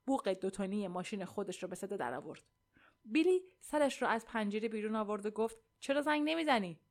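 Calm woman narrating a storybook. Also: medium pitch. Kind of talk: audiobook narration.

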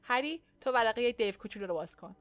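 A woman voicing a stern middle-aged male village official who gives brisk commands. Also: a little high, animated, no echo, close to an everyday voice.

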